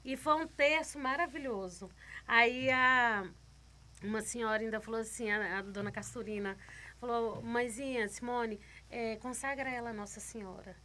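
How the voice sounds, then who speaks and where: Bright, tense-voiced woman telling her testimony. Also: a little high, moderate pace. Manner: vivid retelling, repeating words, voicing others' lines. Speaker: guest giving a faith testimony. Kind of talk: personal testimony storytelling.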